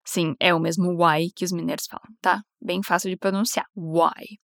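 A Brazilian woman teaching English phrases to Portuguese speakers, repeating lines slowly and then explaining them quickly and encouragingly. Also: lowish voice, little pitch movement, creaky, dry recording, studio quality.

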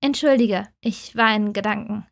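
A woman's voice: mid-range voice, normal speed, gravelly, close to an everyday voice. A woman voicing a puzzled young male student, the first-person lead of an audiobook romance. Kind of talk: audiobook reading.

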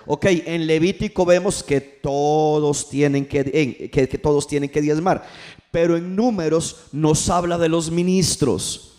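A male pastor delivers a sermon in a church, pushing his congregation to repeat lines and answer back. His voice sits a little higher than most men's. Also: steady tone, measured pace, darkish tone. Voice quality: preaching with call-and-response to the congregation.

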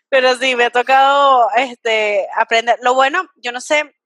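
A Venezuelan woman hosting a casual podcast chat, telling stories in an animated way and laughing often. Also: high-pitched, slow, no echo. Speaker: podcast host.

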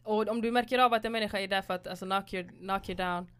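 A woman's voice: medium pitch, fairly even intonation, clear, resonant tone. A woman co-hosting a casual chat, blunt and frank, mixing in English slang. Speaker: podcast co-host.

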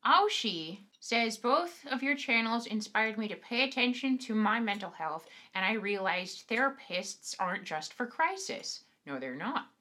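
A woman with a very bright, fairly high voice talks as a podcast co-host. Her style is casual, encouraging chat. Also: big pitch swings, a little slow, hardly any pauses.

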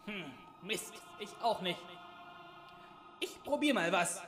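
A woman's voice: mid-range voice, expressive, slow, music in the background. A woman voicing a crude, sarcastic male crow-like creature in a comedy audio play. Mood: snappy.

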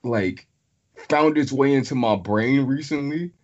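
A man's voice: medium pitch, a little slow, highs cut off. A man bantering casually about music with friends, slangy and profane.

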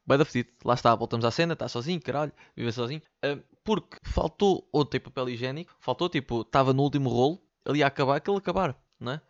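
A man's voice: mid-range voice, fast, hardly any pauses, no room sound, highs cut off. A man with a Lisbon Portuguese accent hosting his own podcast from his bedroom, rambling and joking with lots of slang and swearing. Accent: European Portuguese, Lisbon slang. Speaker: podcast host. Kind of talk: casual solo podcast rant. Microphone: studio mic, sometimes off-axis.

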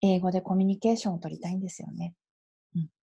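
Gravelly low-voiced woman in her thirties. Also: steady tone, rapid-fire, mellow. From Japan. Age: 30s. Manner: chatty and explanatory, with frequent affirming asides. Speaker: English learning coach and podcast host. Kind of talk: casual solo podcast advice.

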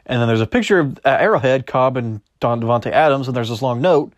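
Young male podcast host, chatty and rambling, mid-pitched, dry close-mic read. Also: lively intonation, quick pace, no echo. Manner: rambling, self-correcting, chatty. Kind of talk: solo podcast sports chat, reading news aloud.

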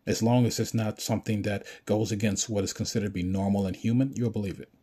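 Man, low husky voice, combative ranting monologue full of swearing. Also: fairly even intonation, quick pace, warm tone. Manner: profane, confrontational, insulting the listener.

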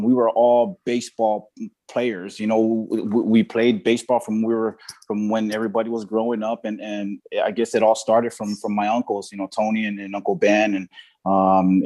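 A man's voice: on the low side, flat delivery, moderate pace, warm tone. A young man from Samoa, a former college baseball player, telling his story in an interview with many fillers and restarts. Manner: hesitant, many fillers and repeated words.

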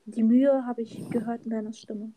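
A woman's voice: on the high side, fairly even intonation, moderate pace, mellow, slight background noise. A young woman in casual chat, dryly mocking and laughing at her friend. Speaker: podcast co-host.

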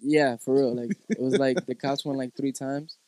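A man in his thirties from Puerto Rico, a musician guest chatting casually, relaxed and laughing often, dropping in Spanish words. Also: medium pitch, normal speed, poor audio. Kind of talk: casual chat.

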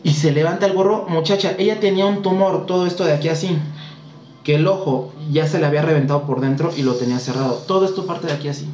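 A man's voice: on the high side, quick pace, slight background noise. A man with a Mexican accent, a guest telling stories in casual chat and acting out what people said to him. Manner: animated storyteller acting out quotes. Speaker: guest spiritual consultant. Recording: roomy echo, faint background ambience.

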